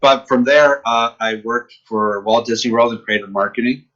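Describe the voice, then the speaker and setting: A man's voice: medium pitch, normal speed, dull audio. A man in his fifties from upstate New York, a podcast guest telling stories in casual chat and acting out the voices in the exchanges he recalls. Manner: lively storyteller who acts out quoted exchanges. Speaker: podcast guest, comic book artist.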